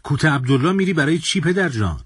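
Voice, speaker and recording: A man's voice: on the high side, sing-song, slightly rough, no room sound, clean studio sound, distant mic, voice pushed up. A man voicing a kindly, worried middle-aged father driving his family in an audio story. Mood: anxious.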